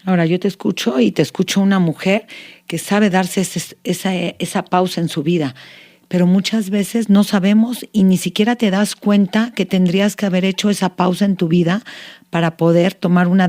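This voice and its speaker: A woman's voice: lowish voice, fairly even intonation, moderate pace, warm tone. A woman hosting a podcast who asks the guest long, searching questions and restates what she has heard. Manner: inquisitive, restates and builds longer questions. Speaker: podcast host. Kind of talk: interview questions.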